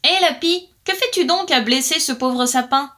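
A greedy little male blackbird chirps his eager questions in a raised, bright voice, as a woman reads him aloud. He sounds quick and excited, always wanting more. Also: high-pitched, pitched above the performer's own voice, exaggerated voice.

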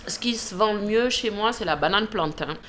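A woman's voice: medium pitch, moderate pace, a bit bright, slight background noise. A woman in her thirties from Ivory Coast, a shop manager, answering interview questions hesitantly with frequent fillers and laughs. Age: 30s. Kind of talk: radio interview.

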